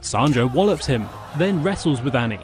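A man's voice: medium pitch, animated, moderate pace. A man giving scripted, matter-of-fact audio description of action in the present tense.

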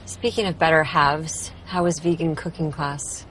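An actress playing a determined, stubborn young former prosecutor in a naturalistic, earnest and conversational way. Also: female voice, low voice, steady tone, moderate pace, a bit bright, a little hiss or hum, low-quality recording. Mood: playful, coaxing. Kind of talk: naturalistic TV drama acting.

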